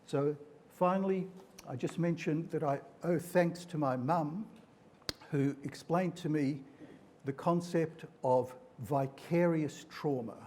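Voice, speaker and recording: Slow and a little high, with a darkish tone, a clinician whose first language is Hungarian gives a live talk at a mental health forum. He teaches in an explanatory way and reaches for metaphors, over slight background noise.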